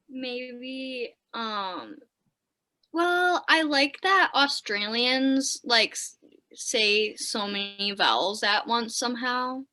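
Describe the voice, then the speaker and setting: A woman's voice: high-pitched, bright, forceful tone. A young woman with a Wisconsin accent, chatting as a podcast guest and filling her talk with "like". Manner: chatty, lots of "like" fillers. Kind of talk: casual interview chat.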